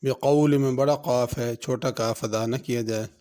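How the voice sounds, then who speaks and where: A man with a Pakistani Urdu accent teaches Quran tajweed in a clear, resonant voice of middle pitch. He recites each verse slowly and stretches out the sounds. Then he calmly explains how each letter should be pronounced. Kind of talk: tajweed lesson with slow recitation.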